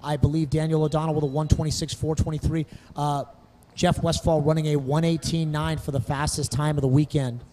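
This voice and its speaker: A man calls a time attack race from the trackside booth, keeping his pitch fairly level and a touch high while he rattles off lap times and sponsor names. His voice is slightly worn from two days at the mic, and faint track ambience hums behind him. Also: little pitch movement, a little fast, warm tone, slight background noise. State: hoarse-feeling voice from two days of shouting. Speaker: race commentator. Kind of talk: live motorsport commentary. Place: announcer booth at a racetrack. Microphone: broadcast mic.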